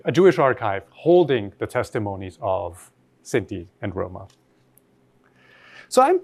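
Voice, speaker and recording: A man's voice: medium pitch, a little mellow. A man from Austria giving an academic lecture, reflective and posing rhetorical questions to his audience.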